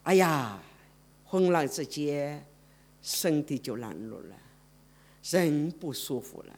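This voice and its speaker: Woman preacher, lively storytelling sermon with a very animated pitch. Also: slow pace. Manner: dramatic, swings from loud to hushed.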